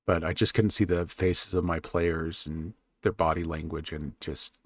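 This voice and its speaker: Low gravelly man musing over his map. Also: steady tone, measured pace, dry recording, clean studio sound. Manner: thinks aloud, muttering while he works, then perks up to talk to chat. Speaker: streamer drawing a fantasy map with chat. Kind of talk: casual live-stream chat while working.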